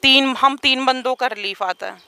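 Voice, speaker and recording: A woman's voice: high voice, normal speed, bright, forceful tone, clear, resonant tone. A woman giving an urgent, aggrieved account as an interviewee, speaking outdoors. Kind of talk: emotional testimony.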